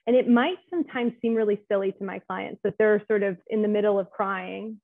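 A woman's voice: medium pitch, a little fast, gravelly, no room sound. A woman clinical social worker giving a conversational webinar talk, often checking in with "right?". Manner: chatty, keeps asking "right?" to check in with listeners. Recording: tinny phone-like audio.

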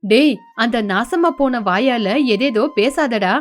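Lady doing a fretful older mother-in-law in a cartoon story, snaps at everyone, high voice. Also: expressive, slow, soft background music. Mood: scolding. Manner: scolding, sharp.

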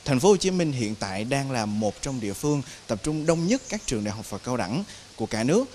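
A man's voice: medium pitch, sing-song, quick pace, over a noisy crowd. A young man asking an official interview questions politely and formally, with occasional fillers. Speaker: reporter.

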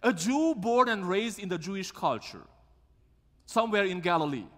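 Animated pastor preaching. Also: male voice, high voice, moderate pace. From Romania. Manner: lively, asks the congregation questions. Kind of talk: sermon. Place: church sanctuary. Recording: long church reverb.

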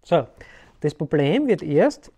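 A self-help video host speaks to camera in a mellow, slightly rough voice that sits a little high, with big pitch swings and a slow pace. He explains ideas casually in a loose, rambling way, repeatedly asking "ja?" to check in with the listener.

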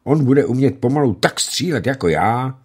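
A man voicing a hearty middle-aged gamekeeper who talks in a booming, jovial way. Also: lively intonation, a little mellow, breathy edge.

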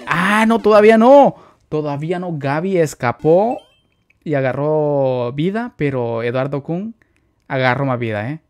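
Chatty Mexican man streaming live. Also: a little high. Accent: Mexican Spanish. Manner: chatty, greets viewers, excitable exclamations. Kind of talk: live gameplay commentary.

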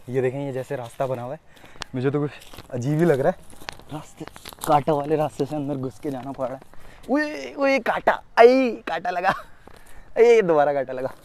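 A man filming a casual vlog outdoors in thorny scrubland, talking excitedly to the camera and dropping to a hush as he creeps closer. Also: medium pitch. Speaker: vlogger. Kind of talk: casual vlog narration while searching.

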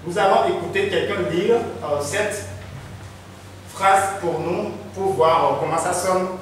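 A man's voice: high-pitched, slow pace, a little hiss or hum. A man from Togo teaching English pronunciation in French, patient and repetitive, often checking with "ok?". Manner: patient, repeats words and asks "ok?". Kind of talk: classroom lesson explaining pronunciation. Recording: very echoey room, mic at a distance.

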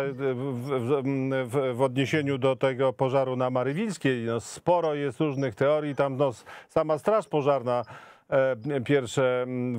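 Smooth-voiced male TV moderator, dry. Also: mid-range voice, no echo. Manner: halting, many fillers and restarts. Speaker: TV show host. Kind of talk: moderating a political debate. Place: TV studio.

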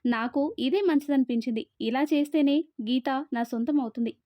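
A woman's voice: high-pitched, moderate pace, dry recording, lo-fi sound. A woman narrating a story and reading every character's lines in a near-plain voice. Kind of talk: scripted story narration with dialogue.

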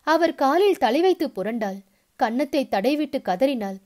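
A woman narrates a novel aloud with a notably high voice. Her reading is steady and expressive, carrying the listener from scene to scene. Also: normal speed. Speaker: storyteller.

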